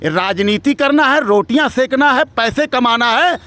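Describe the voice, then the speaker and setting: A man's voice: very high voice, lively intonation, moderate pace, pushed and bright. A man in a heated political debate, speaking defiantly and repeating phrases for emphasis. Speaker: debate participant.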